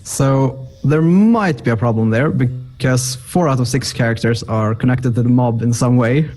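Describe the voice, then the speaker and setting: A man acting as game master, calmly asking his players practical questions about their plans. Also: mid-range voice, normal speed. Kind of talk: casual chat among players.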